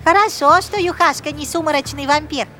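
A woman's voice: sits high, moderate pace, bright, forceful tone, faint music behind. A woman playing a small, timid, naive undead servant in an audio drama, with a childlike, deferential way of asking.

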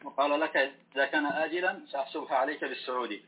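A man's voice: racing, slightly rough, phone-quality sound. Man on a garbled, noisy call line. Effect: garbled, noisy low-quality online call. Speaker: caller asking a question. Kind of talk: question to a teacher in an online lesson. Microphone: remote call audio.

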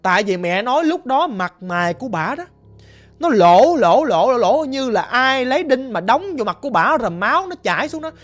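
A woman with a Southern Vietnamese accent telling a ghost story in a lively, emphatic, conversational way. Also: fairly high pitch, moderate pace, faint music behind.

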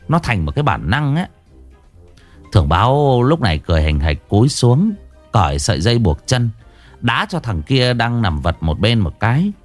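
A man narrating a story in a vivid, colloquial and salty way. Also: medium pitch.

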